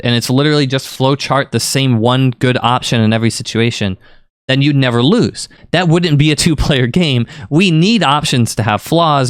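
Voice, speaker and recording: A man coaching on fighting-game tactics in a casual, rambling, conversational way, stressing key points with lively emphasis. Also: medium pitch, smooth, no echo, studio quality. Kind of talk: casual explanatory commentary.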